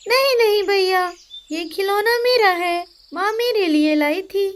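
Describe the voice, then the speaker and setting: A woman's voice: very high-pitched, a little slow, a little hiss or hum, voice pushed up. Woman voicing a tiny weepy girl bird. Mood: complaining.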